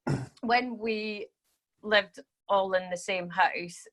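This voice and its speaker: A woman's voice: mid-range voice, slow pace, a bit bright, rough recording. A Scottish woman from southwest Scotland, a podcast guest talking casually about her family and past and laughing easily. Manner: chatty, laughs easily, speeds up when recounting. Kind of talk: casual interview conversation.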